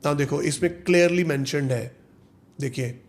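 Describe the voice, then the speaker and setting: A man, a visa consultant explaining rules in a video, reading the text slowly and then explaining it in Hindi. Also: a little high.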